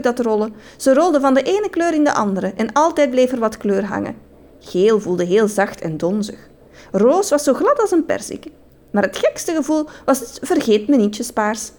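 Animated woman reading a kids' story. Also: mid-range voice. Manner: animated, sing-song storytelling. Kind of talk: reading a children's story aloud.

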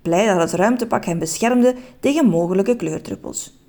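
A woman narrating a children's story in an expressive, playful, suspenseful way. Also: medium pitch, normal speed, vocal fry.

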